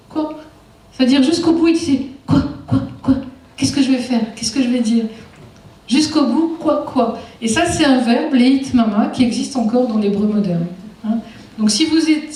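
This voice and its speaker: A woman delivers a public lecture, her mellow, fairly high voice drawing the audience in with constant questions. She sounds distant from the microphone in a very echoey hall. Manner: engaging, asks the audience frequent rhetorical questions. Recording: echoey hall, far from mic.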